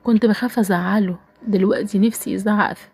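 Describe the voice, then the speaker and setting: Breathy Egyptian woman telling a sad story. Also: medium pitch, fairly even intonation, quick pace, darkish tone, no room sound. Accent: Egyptian Arabic. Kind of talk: first-person dramatic storytelling.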